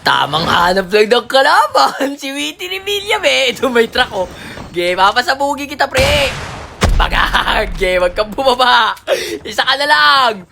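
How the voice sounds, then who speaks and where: A woman streamer giving excited gameplay commentary, laughing often, slangy and yelling at opponents over the game's sounds. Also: a little high, a little slow, gravelly, slight background noise. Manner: slangy, calls viewers "pre". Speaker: gaming streamer. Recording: loud gunfire and game sounds behind voice.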